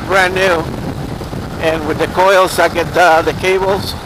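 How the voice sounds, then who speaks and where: A man's voice: on the high side, steady tone, unhurried. A man casually vlogging as he rides a motorcycle, talking from inside his helmet. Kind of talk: casual spoken vlog while riding. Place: outdoors on a moving motorcycle. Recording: loud wind and engine noise. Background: strong wind, motorcycle engine.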